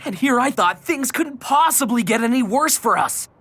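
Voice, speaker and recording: A woman voicing a brash, outspoken young sidekick in an animated series, blunt and slangy. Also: fairly high pitch, normal speed, over music, lightly acted. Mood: exasperated.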